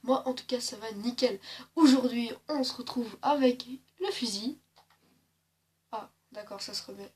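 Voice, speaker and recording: A woman's voice: fairly high pitch, measured pace, darkish tone, slightly rough. Chatty woman doing gameplay commentary. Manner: chatty and joking, with many hesitations. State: slightly sore throat. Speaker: gaming channel host.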